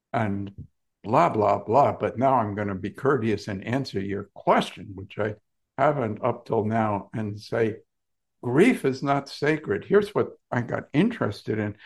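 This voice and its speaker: A man, a guest author, telling a story in a lively, emphatic way with blunt, salty asides. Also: medium pitch. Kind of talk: conversational storytelling.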